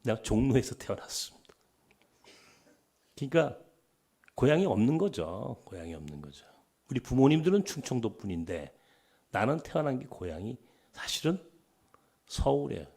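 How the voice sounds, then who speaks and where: Animated Korean pastor preaching. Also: male voice, medium pitch, normal speed, vocal fry, pauses often. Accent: Chungcheong dialect. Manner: animated storytelling, acting out dialogues, dropping to whispers. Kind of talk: sermon.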